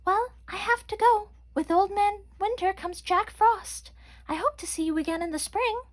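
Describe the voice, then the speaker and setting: A woman voicing a gentle female snowshoe bunny who explains things kindly in a storybook. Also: very high voice, moderate pace, pitched above the performer's own voice.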